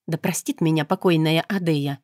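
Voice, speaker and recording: A woman's voice: sits low, fairly even intonation, normal speed, a little mellow, dry recording, close to an everyday voice. Female reader as blunt young heroine: teasing, matter-of-fact, dry sound. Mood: indignant. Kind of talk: audiobook character voice.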